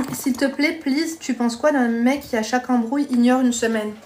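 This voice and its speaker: A woman's voice: high-pitched, fairly even intonation, normal speed, darkish tone, soft background music. A woman hosting a live stream, chatting bluntly with viewers, reading their comments and giving dating advice while calling them pet names.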